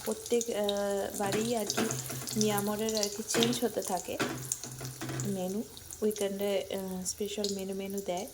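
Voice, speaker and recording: A woman chatting casually in a home vlog, talking softly with lots of fillers. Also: medium pitch, flat delivery, moderate pace, long pauses. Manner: chatty, rambling with many fillers; talks softly so her sleeping son isn't woken. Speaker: vlogger. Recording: clear background noise.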